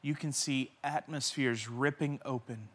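A man pastor preaching a sermon with passion, swinging between loud cries and hushed near-whispers, repeating key phrases for emphasis. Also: medium pitch, steady tone, a little slow, breathy edge.

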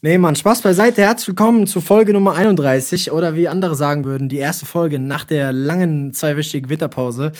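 A man's voice: a little high, steady tone, fairly quick, few pauses, a little mellow. A young man hosting a casual podcast, joking and telling stories with playful exaggeration. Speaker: podcast host.

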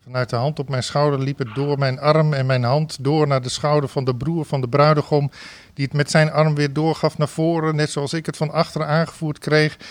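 A man reading a comic story aloud on a talk show, switching to loud sung party chants and laughing along. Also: a little high, flat delivery, fairly quick, dry recording. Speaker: reader of a book passage on a talk show.

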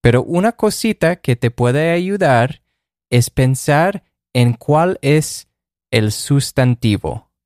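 A man co-hosting a conversational Spanish lesson podcast, calmly offering tips and examples. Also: mid-range voice, slow pace, no echo, studio quality. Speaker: co-host of a language podcast.

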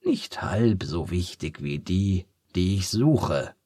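A man voicing an old female sea captain, a gruff grandmother, speaking low and slow with a soft, husky voice. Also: sing-song, no echo, studio quality, heavily acted.

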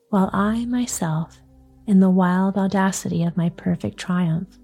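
Lady whispering a spooky story real slow, husky soft voice. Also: mid-range voice. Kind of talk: whispered bedtime story reading.

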